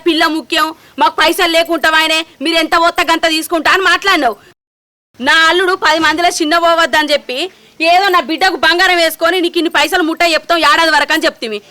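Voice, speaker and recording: A grieving, protective village mother with a Telangana accent speaks quickly, played by a middle-aged woman. Her voice sits high and bright. She laments and protests in plain rural speech. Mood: indignant. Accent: Telangana Telugu. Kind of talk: village short film acting.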